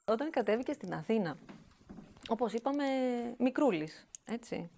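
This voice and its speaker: A woman interviewing her guest, asking gentle and hesitant questions with many pauses. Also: on the high side, animated, a little hiss or hum. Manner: soft, hesitant, with many fillers.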